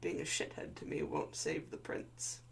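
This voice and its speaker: A woman's voice: moderate pace, a little hiss or hum, close to an everyday voice. Woman acting a smug, wounded male villain scientist. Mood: smirking contempt.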